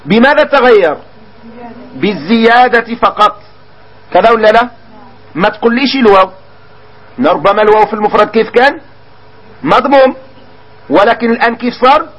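A man with a Moroccan Arabic accent teaches a grammar lesson, often asking the class questions and repeating words slowly. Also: very high voice, lively intonation, fairly bright tone, highs cut off.

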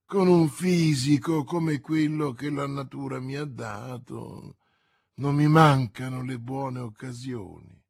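A man's voice: mid-range voice, slow, no echo, clean studio sound. A man voicing a vain, boastful musketeer who declaims grandly and pities himself. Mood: indignant boasting. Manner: pompous, theatrical declaiming.

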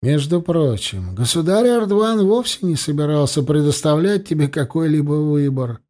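A man's voice: fairly high pitch, lively intonation, moderate pace, a little mellow, lightly acted. A man reading an audiobook, voicing a cold, smug middle-aged priest who talks down to his prisoner. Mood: cold mocking. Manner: cold, mocking and condescending.

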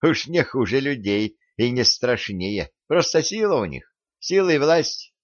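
Guy doing a bratty teenage boy, sharp-tongued and quarrelsome, dry dull audiobook recording. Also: mid-range voice, sing-song, a little slow, no echo, voice pushed up. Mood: haughty. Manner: haughty, quarrelsome, raising his voice.

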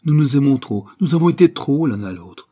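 A man's voice: medium pitch, lively intonation, a little fast, warm tone, slightly rough, pitched above the performer's own voice. A man reading an audiobook, voicing a scheming, seductive female adventuress who coaxes and persuades. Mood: coaxing. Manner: coaxing, persuasive.

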